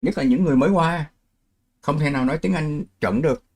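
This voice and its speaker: A man's voice: a little high, fast talker, a little mellow. A middle-aged man from Vietnam, hosting a live stream in casual chat, explaining with worked examples and laughing easily.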